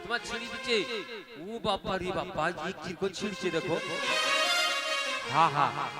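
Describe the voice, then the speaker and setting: An actor playing a boisterous, teasing old village granny in a comic folk musical drama, exclaiming loudly and repeating words. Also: male voice, sits high, animated, moderate pace, loud music behind the voice. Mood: puzzled, teasing.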